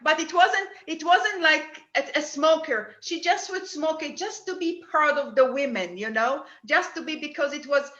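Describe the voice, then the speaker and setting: A woman medium giving readings at a service, talking haltingly with many restarts and fillers. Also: sits high, a bit bright, echoey room, dull audio. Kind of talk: spirit mediumship demonstration.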